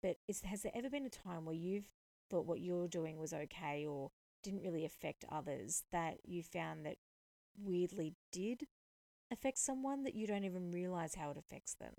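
A woman hosting a podcast, retelling a personal story in a lively, indignant way and voicing the dialogue. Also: lowish voice, moderate pace, dry recording. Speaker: podcast host. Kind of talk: storytelling monologue.

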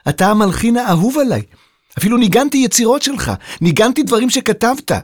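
A man voicing an eager, excited young girl who loves music, in a children's audio story. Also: on the high side, husky, dry recording, studio quality, voice pushed up.

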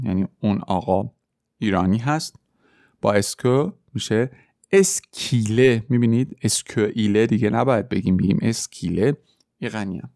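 A man teaching a French lesson, explaining step by step and repeating French example sentences slowly. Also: lowish voice, a little mellow, no room sound, clean studio sound. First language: Persian. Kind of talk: podcast language lesson.

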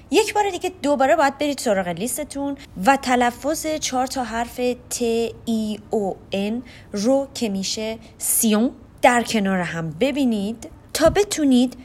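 A woman's voice: on the high side, a little hiss or hum. A woman hosting a podcast lesson on French pronunciation, explaining step by step and talking directly to her listeners. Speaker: podcast host teaching French.

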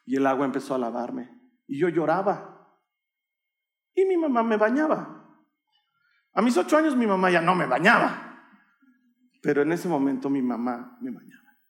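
A male preacher telling a personal story in a sermon, animated and acting out the voices of the people in it. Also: on the high side, moderate pace, pauses often. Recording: echoey room.

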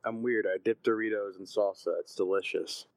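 A man's voice: lowish voice, steady tone, normal speed, gravelly, no echo. A man chatting casually and informally with his friends. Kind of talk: casual chat.

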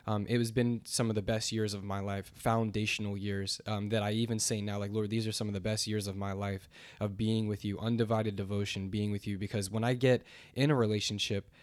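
A man's voice: on the low side, little pitch movement, a little fast, hardly any pauses, dry recording. A young man sharing a faith testimony in casual chat, earnest and rambling, with many fillers and restarts.

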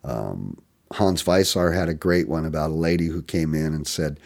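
Older male luthier, deep voice, loose chuckling storyteller. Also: normal speed, vocal fry, darkish tone. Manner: rambling, chuckling anecdotes. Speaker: violin and bow maker. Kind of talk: storytelling in an interview.

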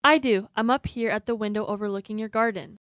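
A woman's voice: mid-range voice, fairly even intonation, fast talker, fairly bright tone, no echo, clean studio sound, lightly acted. A woman voicing a timid, devoted young husband who pleads nervously. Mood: worried. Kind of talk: amateur radio play acting.

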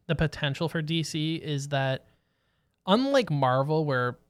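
A man co-hosting a podcast in casual chat, talking fast and eagerly and often over his co-host. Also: on the high side, smooth, dry recording. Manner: excited, rapid, talks over his co-host.

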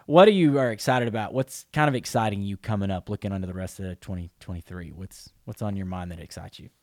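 A man's voice: on the low side, quick pace, a little mellow, dry recording, clean studio sound. A man hosting an interview podcast, thinking aloud in a friendly, rambling way. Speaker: podcast host. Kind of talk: casual interview talk.

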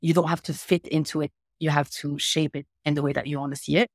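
Moroccan-born woman in her 30s on a podcast, even flat tone, dry close sound. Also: low-pitched, fast, no room sound. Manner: earnest, thoughtful, with small laughs. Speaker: podcast guest. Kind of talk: reflective conversational interview.

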